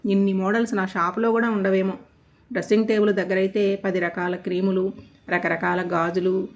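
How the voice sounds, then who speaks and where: A woman narrating a love story in the first person with an even, descriptive reading. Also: medium pitch.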